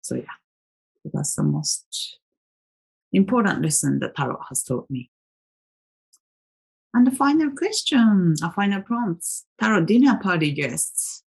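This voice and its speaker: A woman's voice: medium pitch, sing-song, unhurried, creaky, pauses often, darkish tone, breathy edge. A woman from Japan, a native Japanese speaker, rambling casually and reflectively about tarot in a vlog. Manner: chatty and reflective, many fillers and restarts. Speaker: tarot vlogger.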